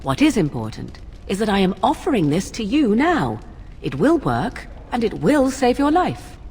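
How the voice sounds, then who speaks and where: A woman's voice: medium pitch, wildly swooping pitch, darkish tone, slight background noise. Cool, persuasive witch, swooping intonation. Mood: solemn, persuasive. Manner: formal, archaic, measured phrasing. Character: cool, persuasive young witch offering a dark ritual. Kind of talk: dramatic fantasy game dialogue.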